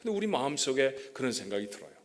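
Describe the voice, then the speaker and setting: A man's voice: medium pitch, sing-song, rapid-fire. A male pastor preaching a sermon in a church, chatting with the congregation and checking in with them often; he says he stutters. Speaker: guest pastor. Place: church sanctuary.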